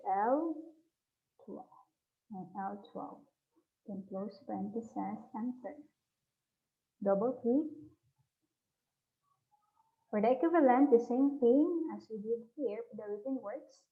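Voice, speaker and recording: A woman giving a step-by-step software tutorial, dictating instructions in short, separate phrases like a teacher. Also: on the high side. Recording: thin phone-like sound.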